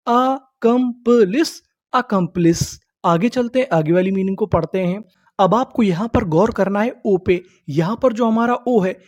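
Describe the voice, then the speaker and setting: A male teacher gives a patient online reading lesson. He breaks each word into slow syllables and repeats them. He asks the class a question, then answers it himself. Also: high voice, a little mellow. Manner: sounds words out slowly, letter by letter.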